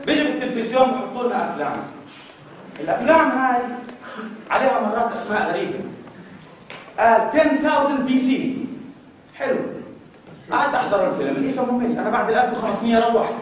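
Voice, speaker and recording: A man with a Jordanian accent delivers an escalating stand-up comedy rant in a strikingly high voice. He talks fast and exasperated, acting out exchanges as he goes. The live recording is very echoey, picked up from a distance with clear noise. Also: lively intonation. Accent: Jordanian Arabic.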